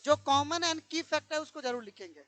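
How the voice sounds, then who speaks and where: A woman with a high voice teaches grammar to a room of pupils. She fires questions at them and repeats each one until they answer. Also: lively intonation, a little fast, dry recording. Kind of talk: classroom grammar lesson. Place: classroom.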